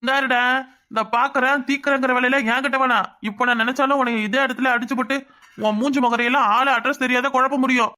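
A man voicing a hot-headed, dark-skinned young village man in a cartoon, boastful and quarrelsome, with a Kanyakumari Tamil accent. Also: very high voice, steady tone, quick pace, exaggerated voice. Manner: boastful, quarrelsome, repeats words. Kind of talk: cartoon voice acting.

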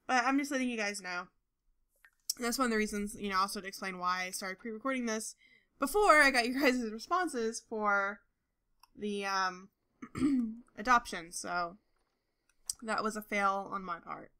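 A gaming video host, a young woman with a bright, clear, mid-range voice, plays a life-simulation game while chatting casually with viewers and encouraging the characters on screen. She talks at a normal speed with long pauses, now and then bursting into excited outbursts.

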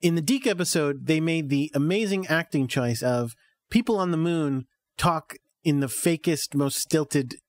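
A man co-hosting a podcast, chatting casually with wry, animated complaints. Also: fairly high pitch, a little slow, dry recording. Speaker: podcast co-host. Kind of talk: casual chat.

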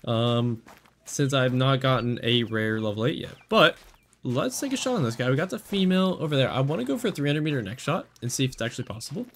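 A man giving casual, excitable commentary while he plays a hunting game, talking to himself as he lines up shots. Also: mid-range voice, quick pace, a little hiss or hum. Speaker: gaming channel host.

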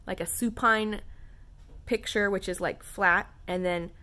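A woman's voice: medium pitch, fairly even intonation, a little slow, sharp tone. A young adult woman chatting casually and candidly to her viewers, rambling with lots of fillers. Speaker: vlogger talking to viewers. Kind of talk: casual chat to camera.

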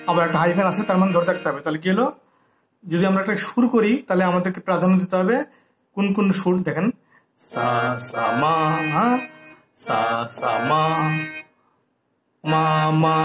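Harmonium teacher in an echoey room. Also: male voice, high-pitched. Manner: patient, explains each note and sings note names. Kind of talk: step-by-step music lesson.

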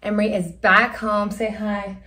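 A woman vlogging casually at home, talking excitedly to her viewers in a phone video recording. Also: mid-range voice, normal speed. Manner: chatty, excited, addresses viewers as guys. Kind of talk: casual vlog talk to viewers. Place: at home indoors. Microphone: phone camera.

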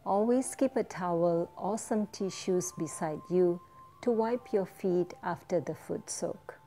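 A woman leads a guided meditation in a low, warm voice. She talks very slowly, giving gentle step-by-step instructions. Soft music plays faintly behind her. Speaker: meditation teacher.

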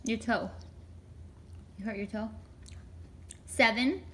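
A woman patiently coaxing a small child at home, asking simple questions in a gentle, sing-song way and prompting the child to repeat words after her. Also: on the high side, slow, a little hiss or hum. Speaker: caregiver teaching a toddler. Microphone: hidden camera.

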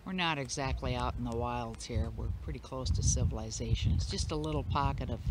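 A woman, chatting casually as she films a hiking trail and points out views. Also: extremely low pitch. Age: 60s. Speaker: hiking vlogger. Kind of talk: casual narration while hiking. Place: outdoor hillside trail. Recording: loud wind and outdoor noise.

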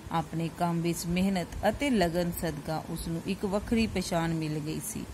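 Low-voiced woman reading a lesson aloud. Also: normal speed, noisy background. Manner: steady, careful reading with small self-corrections. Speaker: teacher reading a class lesson. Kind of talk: reading a textbook chapter aloud.

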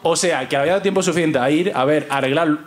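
A man's voice: a little high, very fast. A man telling a funny anecdote to a live audience, laughing as he goes, on a handheld mic. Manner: animated storyteller, laughs mid-tale. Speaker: guest telling a story. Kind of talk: comic anecdote.

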